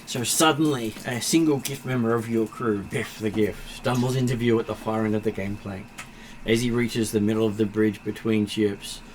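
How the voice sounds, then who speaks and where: Relaxed man running a tabletop game. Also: fairly low pitch, normal speed, a little hiss or hum. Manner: relaxed, explaining rules with fillers. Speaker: game master.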